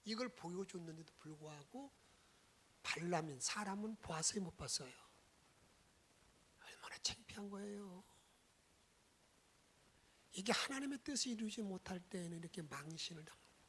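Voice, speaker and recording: A woman's voice: mid-range voice, fairly bright tone, a little hiss or hum. A woman pastor giving a Sunday sermon, telling the story dramatically, acting out the lines and dropping into whispers.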